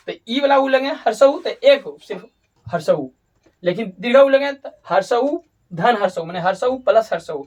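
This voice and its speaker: A man's voice: high voice, distant mic. A man teaching a grammar lesson, explaining step by step, repeating himself and correcting slips as he goes. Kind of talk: classroom-style grammar lesson. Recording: voice from away from the mic.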